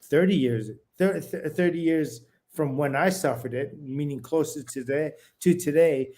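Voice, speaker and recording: A man's voice: fairly high pitch, moderate pace, darkish tone. A man, a former boxer, co-hosting a boxing talk show, explaining at length with many restarts. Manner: rambling, restarts mid-sentence, explanatory. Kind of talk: casual boxing chat.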